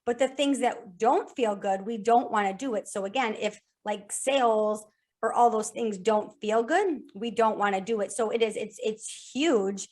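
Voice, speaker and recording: A woman guest on a podcast, talking about sales in a casual, energetic way, repeating phrases in lists and often restarting. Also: fairly high pitch, normal speed.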